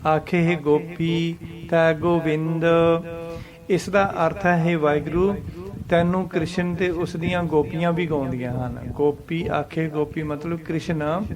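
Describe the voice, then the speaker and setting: A man with a Punjabi accent, teaching how to pronounce and pause in scripture lines, reciting them slowly and then explaining their meaning. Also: a little high, fairly even intonation. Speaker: Gurbani teacher. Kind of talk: scripture pronunciation lesson.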